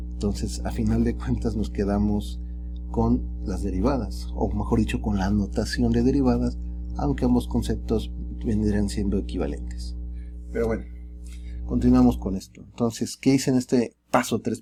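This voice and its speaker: A man teaching calculus in a relaxed, chatty way, often tagging his sentences with rhetorical questions. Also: lowish voice. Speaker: math teacher. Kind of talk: recorded screen lesson.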